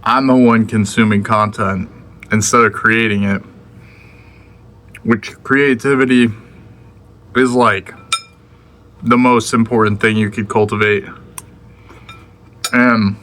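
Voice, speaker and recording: A man's voice: fairly low pitch, steady tone, takes it slowly, long pauses, a bit bright. A young man chatting casually to the camera in a laid-back, slangy way, sometimes talking with his mouth full. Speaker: vlogger. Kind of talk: casual vlog chat.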